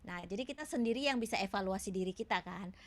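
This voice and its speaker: A woman's voice: mid-range voice, fast talker, slight background noise. A woman giving a webinar talk, patiently answering questions with many hesitations and tag questions. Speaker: seminar speaker. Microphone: video call.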